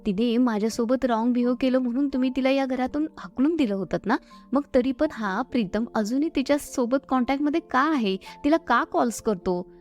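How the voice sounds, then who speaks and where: A woman voicing a spoiled, bossy young bride-to-be who shouts and taunts, over faint background music. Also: sits high, brisk, dull audio, lightly acted. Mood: complaining.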